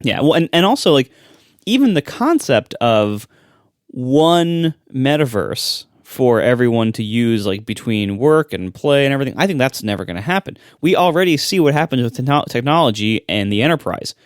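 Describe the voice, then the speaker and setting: A man co-hosting a tech podcast rants in casual tech chat, animated, emphatic, and skeptical. His mid-range voice moves at normal speed, recorded with studio quality and no room sound.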